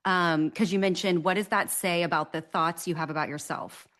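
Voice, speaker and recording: A woman's voice: lowish voice, steady tone, moderate pace, fairly bright tone. A woman hosting a casual podcast chat, easygoing and full of short agreements, thinking aloud as she frames her question. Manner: easygoing, frequent short agreements, searching phrasing.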